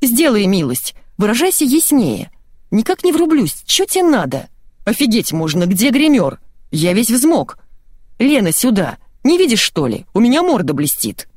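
A woman's voice: fairly low pitch, very animated, measured pace, hardly any pauses, dark tone, dry recording. A woman voicing a fidgety, flashy young male talk show host who rattles off lines and whines, in a dry recording. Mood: rattling. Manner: rattling, whiny.

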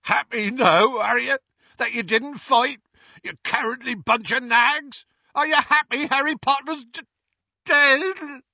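A man voicing a huge half-giant who is crying, his voice high, loud and breaking with sobs. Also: slow pace, gravelly, no room sound, dull audio, full character voice. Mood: furious grief.

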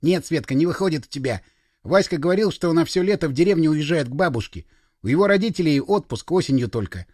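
A doubting, grumbling boy of about ten who mocks whatever he hears, played by a man reading a storybook. His voice sits fairly high and moves around a lot. The sound is dry and close. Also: lively intonation, fast, darkish tone, no room sound. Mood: scoffing. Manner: mocking, dismissive.

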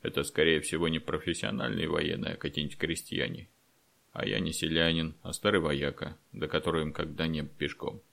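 Audiobook: battle-worn veteran played by a male narrator, deep and gravelly, sardonic and tough. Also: fairly even intonation, a little fast, fairly bright tone, exaggerated voice. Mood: gruff. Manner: gruff, mocking. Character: gruff veteran soldier man, sardonic and tough.

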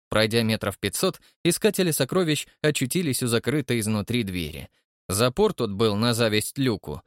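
A male narrator with a lively, swinging pitch and dramatic delivery, reading an adventure novel. He is heard close to the mic in a dry, deadened sound. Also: no room sound. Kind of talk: expressive audiobook reading.

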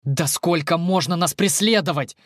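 A man voicing a brisk young woman fighter, reading her lines with sharp exclamations in an audiobook. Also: a little high, no room sound, clean studio sound, pitched above the performer's own voice, close to an everyday voice. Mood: alarmed.

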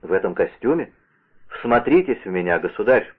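A man's voice: on the low side, big pitch swings, moderate pace, breathy edge, phone-quality sound. A man reading the lines of a bold, impatient Gascon musketeer in a brusque, self-assured way.

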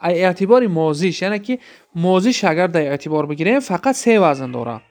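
A man's voice: high-pitched, animated, a little mellow. A man teaching an Arabic grammar lesson, explaining step by step and asking and answering his own questions.

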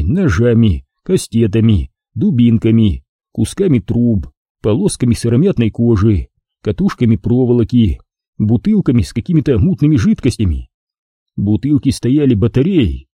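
A man reading an audiobook aloud with animated storytelling. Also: mid-range voice, breathy edge, no room sound. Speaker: audiobook reader. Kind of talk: scripted narration.

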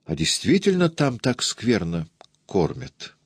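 A man's voice: fairly low pitch, huge pitch swings, takes it slowly, breathy edge, no room sound, studio quality, voice pushed up, full character voice. A man putting on a fussy kindly aunt. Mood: eager. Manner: warm confiding chatter, raised voice.

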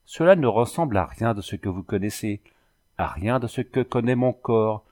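A man's voice: lowish voice, expressive, moderate pace, darkish tone, close to an everyday voice. A man voicing a distraught young woman back from some otherworld, speaking in a trembling, pleading way. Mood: anguished.

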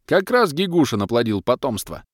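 A man voicing a pompous, dutiful male city guard who gives drawn-out, insistent orders. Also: mid-range voice, big pitch swings, no echo, clean studio sound, pitched above the performer's own voice.

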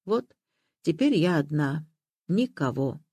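A reader voicing a frail, bitter old woman who speaks in a flat, cold, tired way. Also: mid-range voice, slow pace, husky, dry recording, clean studio sound, exaggerated voice. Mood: cold weary. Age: older.

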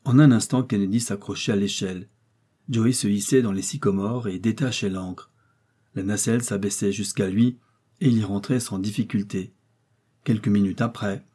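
A man reading a classic adventure novel aloud as audiobook narrator, in an even, steady storytelling way. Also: lowish voice, moderate pace, breathy edge. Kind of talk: scripted narration.

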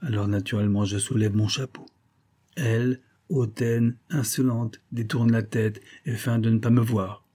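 A man's voice: medium pitch, fairly even intonation, moderate pace, warm tone, close to an everyday voice. A man reading an audiobook, voicing a bitter, obsessive middle-aged man who argues insistently that he is wronged. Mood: aggrieved. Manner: agitated, reasoning aloud, insistent.

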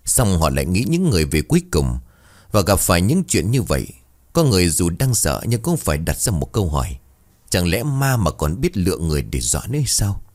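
Low-voiced man telling a ghost story. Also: a little fast. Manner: dramatic, expressive storytelling. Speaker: narrator.

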